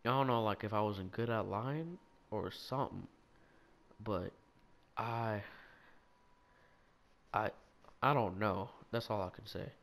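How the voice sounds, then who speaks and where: A young man telling a childhood story in a rambling, animated, self-mocking way, with lots of restarts. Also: on the low side, slow, creaky, long pauses. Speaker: gaming video storyteller.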